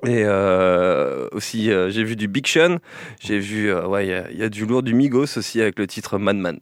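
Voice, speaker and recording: A man's voice: lowish voice, animated, moderate pace, no room sound, studio quality. A man co-hosting a radio show, presenting a track's background with many hesitations and fillers. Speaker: radio co-host.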